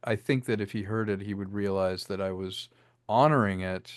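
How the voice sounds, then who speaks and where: In a casual interview, the guest, a man who directed an audio drama, chats animatedly and acts out lines while explaining them. His voice is on the low side, his pace moderate, and the recording is dry.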